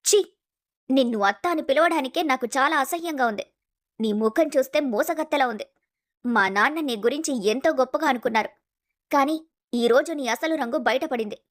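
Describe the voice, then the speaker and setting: A woman's voice: high-pitched, normal speed, natural voice. A woman voicing a young daughter in a storybook, fierce toward her in-law and pleading in distress. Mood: scornful. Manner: pleading, emotional. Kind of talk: storybook voice acting.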